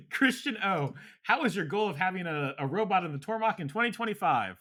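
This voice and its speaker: A man's voice: sits high, animated, a little fast, pushed and bright. A man co-hosting a podcast in casual chat, laid-back, laughing often and trailing off with fillers. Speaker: podcast co-host.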